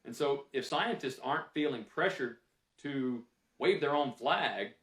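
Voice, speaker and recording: A man taking questions after a lecture, speaking in a candid, conversational way and pausing on fillers as he works through his thoughts. His voice sits at an ordinary pitch. It sounds roomy and a little distant from the mic. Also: animated, fairly bright tone. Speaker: scientist answering audience questions.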